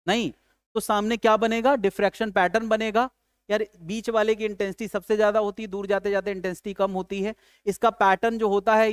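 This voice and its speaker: A man's voice: high voice, clean tone, no room sound, clean studio sound. A male physics teacher giving a casual lecture, chatty, joking and asking and answering his own questions. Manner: chatty, calls students "yaar", asks and answers own questions; jokes with students.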